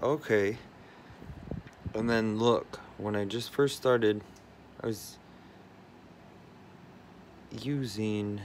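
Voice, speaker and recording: Man, low voice, casual tech walkthrough, filler-heavy, faint room hum. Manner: loose, filler-heavy explaining. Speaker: tech vlogger. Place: cluttered room full of phones and routers.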